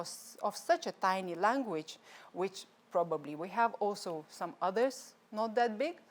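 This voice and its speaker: A Lithuanian woman, not a native English speaker, hosts a live-streamed conference from a studio in a chatty manner. She has a mid-range voice and a Lithuanian accent, and she restarts herself now and then.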